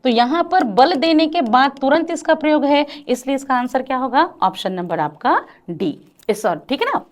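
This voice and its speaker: High-voiced woman teaching grammar. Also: expressive. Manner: addresses students as "beta", asks "clear ho gaya?" often; sings or drawls example lines slowly. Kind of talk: exam-prep grammar lecture.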